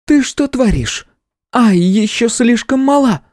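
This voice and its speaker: Brief: strict older sister done by a male reader, sharp scolding storybook girl, high falsetto. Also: expressive, slow pace, no room sound, clean studio sound, exaggerated voice. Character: stern scolding young woman, older sister.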